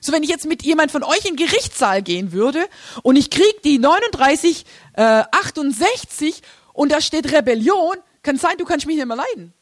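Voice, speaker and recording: A woman leads a church workshop in a loose, chatty way, laughing as she explains her slides. Her voice sits a little high. The sound is dry and close, with no room echo. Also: big pitch swings, normal speed. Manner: chatty, informal, laughs often, many restarts. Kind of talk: casual teaching talk with slides.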